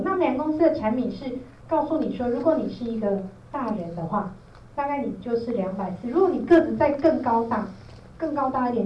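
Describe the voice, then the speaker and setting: Taiwanese-accented woman lecturing from far off. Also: on the high side. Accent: Taiwanese Mandarin. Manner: explanatory, often checks with listeners using tag questions. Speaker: product trainer, presenter. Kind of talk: informal training lecture to a group. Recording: roomy echo, distant mic, dull, faint noise.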